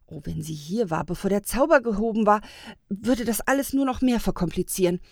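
A woman narrating a fairy tale in a calm, measured reading. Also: mid-range voice, gravelly, no echo, studio quality. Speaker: storyteller. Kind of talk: storybook narration.

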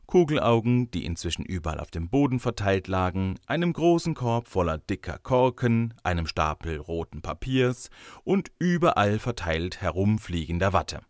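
A man reading a story aloud in a lively, expressive storytelling manner. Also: low voice, dry recording, studio quality. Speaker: narrator.

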